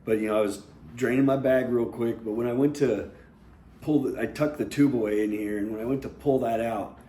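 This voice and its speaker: A young man leads a seated workout in a fairly quick, mellow, medium-pitched voice with a steady tone. He instructs in a casual, candid way, saying "you know" often, and the recording is roomy with faint noise.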